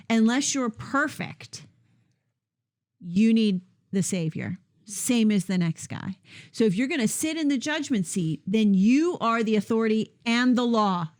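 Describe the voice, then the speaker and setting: A woman leads a Bible study discussion in a conversational, explanatory way. She pauses to rephrase her points as she goes, at an average pitch. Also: darkish tone. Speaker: host leading a Bible discussion.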